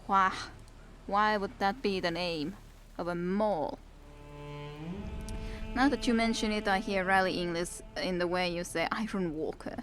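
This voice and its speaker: Speaking in an unhurried mid-range voice full of long pauses, a Finnish woman streams herself playing a video game. She rambles wryly, talking both to herself and to her chat, while game music plays behind her.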